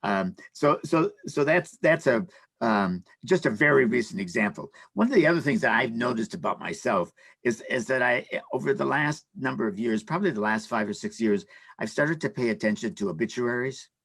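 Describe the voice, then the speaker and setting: A man's voice: mid-range voice, expressive, moderate pace, gravelly, a bit bright, slightly rough, dry recording. An older man on a panel, speaking casually and hesitantly, with many fillers and restarts.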